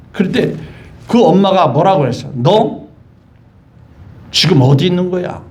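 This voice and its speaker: Guy pastor preaching in church, high voice, keeps tossing questions at the people. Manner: lively, keeps asking the congregation questions. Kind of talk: sermon. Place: church sanctuary.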